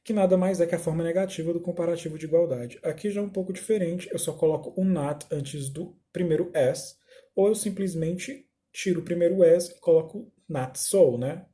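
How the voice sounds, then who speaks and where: A male teacher walks through a recorded lesson with a very dark, mellow tone that still sits a little high. His delivery is patient and explanatory. He reads from slides and slows right down on examples. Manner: reads slide text aloud and then restates it. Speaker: English teacher.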